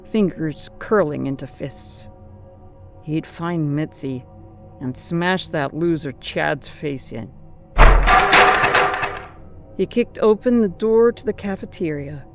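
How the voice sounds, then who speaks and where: A horror narrator speaks slowly and deliberately in a mid-pitched voice that could belong to either a man or a woman, creaky and a little mellow. The delivery is dramatic and menacing, built on theatrical pauses, over faint music.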